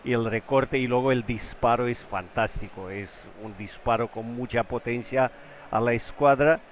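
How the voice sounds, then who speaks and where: A man's voice: mid-range voice, moderate pace. A man giving live football analysis as a pundit, emphatic and admiring, often repeating words as he goes. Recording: noisy outdoor stadium ambience.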